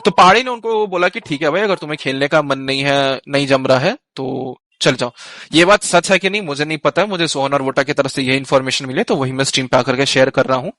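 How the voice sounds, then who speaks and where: A fast-talking esports team manager with a mid-range, fairly bright voice narrates a team dispute during a live stream. His casual Hinglish mixes English phrases into Hindi, with plenty of fillers and restarts, and the audio has no room sound.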